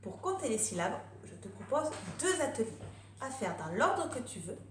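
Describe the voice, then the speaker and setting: A woman teacher giving a remote lesson to young children, lively and drawing out words slowly, syllable by syllable. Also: on the high side. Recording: echoey room, faint noise.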